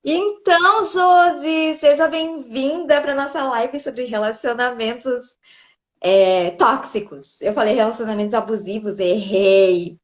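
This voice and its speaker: A woman's voice: a little high, measured pace, muffled recording. A woman hosting a casual live stream, greeting viewers by name and chatting.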